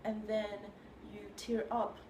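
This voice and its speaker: A woman talks through her ideas slowly and carefully, pausing often to find the right word. Her voice carries the echo of a roomy space, with a steady hiss of background noise. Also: mid-range voice. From China. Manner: thoughtful and halting, searching for words. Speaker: composer, interview guest. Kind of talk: reflective conversation. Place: room in New York.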